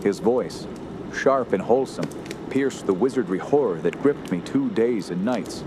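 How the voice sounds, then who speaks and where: The lead of a radio horror drama, he voices a haunted young man of the wilds recounting his terror, speaking low and gravely at a very unhurried pace. His mood is somber and his intonation lively, and he turns halting and solemn when distressed. Steady outdoor ambient noise runs underneath.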